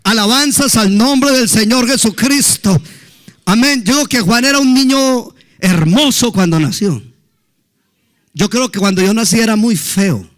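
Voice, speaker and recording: A man's voice: extremely high pitch, unhurried, fairly bright tone. A middle-aged male pastor, preaching a sermon with emphatic exclamations of praise.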